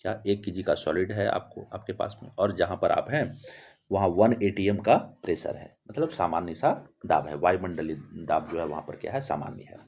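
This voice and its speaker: In a classroom-style chemistry lesson, a man with a deep, slightly mellow voice speaks at a normal pace. He repeats key terms word by word and answers his own rhetorical questions.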